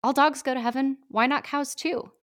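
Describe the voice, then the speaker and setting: A man's voice: extremely high pitch, fairly even intonation, moderate pace, fairly bright tone, voice pushed up. A woman reading a storybook, voicing a bewildered husband newly arrived in heaven who talks defensively. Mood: puzzled.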